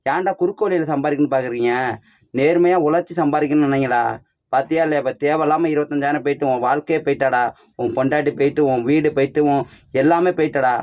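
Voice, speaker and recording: A young man with a village Tamil accent plays his part in a comedy skit. He speaks fast and a little high, quizzing and scolding with excitable energy. The sound is dull and lo-fi, as if captured on a phone. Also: dry recording. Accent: Tamil Nadu village Tamil. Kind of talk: casual comedy skit dialogue.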